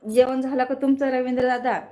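A woman with a fairly high voice that stays flat and even, chatting through a casual livestream on her phone. She greets viewers one by one by name and reads their comments aloud. She keeps checking that her sound is getting through. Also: brisk, low-quality recording. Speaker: live stream host. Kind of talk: casual live chat reading viewer comments.

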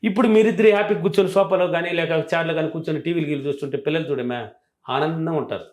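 A man working as a relationship coach, giving animated, emphatic advice and repeating his key points. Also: on the high side, rapid-fire. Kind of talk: advice talk. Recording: roomy echo.

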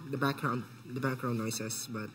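A woman giving casual gameplay commentary at home, excitable and taunting, squealing and rambling through apologies. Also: extremely low pitch, normal speed, crowd noise. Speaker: gameplay channel host. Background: game music.

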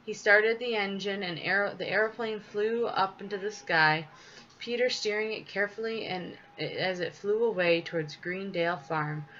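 A woman reading a children's storybook aloud, measured and expressive. Her voice is bright and clear, though the recording is slightly dull with a faint hiss behind it. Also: mid-range voice. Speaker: storybook reader.

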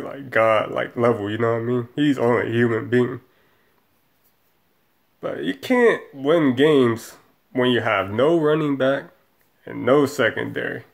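A man's voice: medium pitch, vocal fry. A man in his thirties giving a profane, rambling post-game rant as a football fan, filmed in a small room on a webcam. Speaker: sports fan vlogger.

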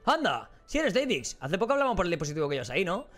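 A man's voice: sits high, sing-song, a bit bright, soft background music, pitched above the performer's own voice. Man playing a chatty game professor. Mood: friendly. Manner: brisk, chatty reading of game dialogue. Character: friendly older male Pokémon professor, talkative.

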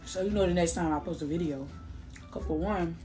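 With faint music behind her, a young adult mukbang vlogger talks a little fast in a warm, lowish voice while chewing. She keeps it loose and slangy, calling viewers "bro" and "y'all." She's indoors in a small room at home, chatting as she eats.

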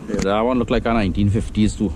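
A man's voice: on the low side, fairly even intonation, fast talker, background noise. A Trinidadian man with an easygoing, chatty manner, vlogging outdoors from a kayak on open water. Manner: easygoing, chatty, loose Caribbean patois. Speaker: fishing vlogger. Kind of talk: casual outdoor vlog.

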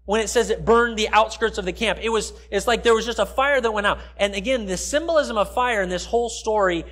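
A middle-aged American pastor, his voice sitting high with a fairly bright tone, moves briskly through a sermon on the stage of a big church sanctuary. He keeps things conversational and explanatory, regularly stepping aside to speak to the crowd.

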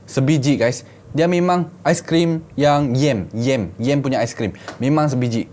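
A man's voice: mid-range voice, unhurried, a little mellow, a little hiss or hum. Malaysian man doing a casual product review. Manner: colloquial, repeats phrases, talks to viewers as 'guys' and 'gang'. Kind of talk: casual unboxing and review vlog. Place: small indoor room set up as a gaming studio.

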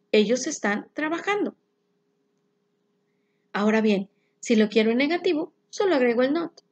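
A woman teaching an English grammar lesson, explaining rules slowly and clearly and reading example sentences. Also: a little high, a little mellow. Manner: clear, slow explanations with spelled-out endings.

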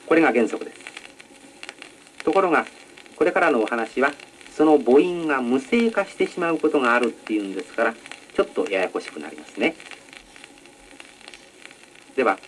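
A man teaching announcing technique in a measured, polite lecture style, on an old educational record. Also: mid-range voice, sing-song, poor audio. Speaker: announcing instructor. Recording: old record with faint noise.

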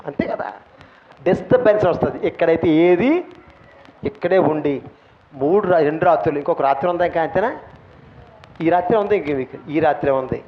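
Male pastor preaching, high voice, impassioned swings from shouts to hushed asides, dull lo-fi church recording. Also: expressive, moderate pace, pauses often. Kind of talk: sermon. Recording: dull lo-fi recording, faint room noise.

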